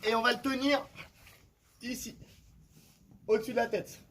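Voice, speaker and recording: A man's voice: very high voice, steady tone, normal speed, background noise. A man, a fitness coach, explaining and demonstrating home workout exercises, often checking in with his listeners. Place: outdoor terrace at home.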